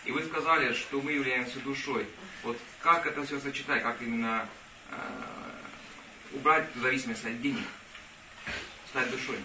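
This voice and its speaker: A man's voice: medium pitch, moderate pace. A man in the audience asking a question, hesitant and searching for words. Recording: distant mic, roomy hall, noise.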